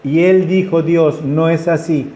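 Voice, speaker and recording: A man's voice: on the high side, fairly even intonation, unhurried, mellow, highs cut off. A man preaching a conversational sermon, acting out the voices in his stories. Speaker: pastor. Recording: echoey room with faint ambience.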